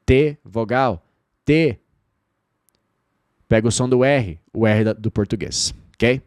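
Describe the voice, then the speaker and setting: A Brazilian man giving an English lesson in Portuguese, repeating phrases slowly for viewers to say aloud. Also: medium pitch, a little mellow, no room sound, clean studio sound. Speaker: English teacher.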